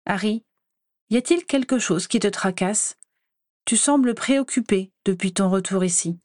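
A woman voicing an anxious, protective mother of a teenage wizard in a fan-fiction audiobook, softly worried and coaxing. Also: medium pitch, moderate pace, no echo, clean studio sound, close to an everyday voice. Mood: tender worried. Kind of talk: audiobook character voice.

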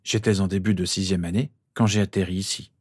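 A man's voice: low-pitched, fairly even intonation, fast, darkish tone, slightly rough, dry recording. A man voicing an earnest teenage boy explaining where he comes from.

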